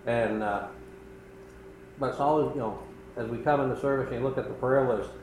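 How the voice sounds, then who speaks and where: An older man preaching a sermon as pastor of a small church, earnest and conversational with pauses. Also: mid-range voice, a little mellow. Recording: echoey room with faint background noise.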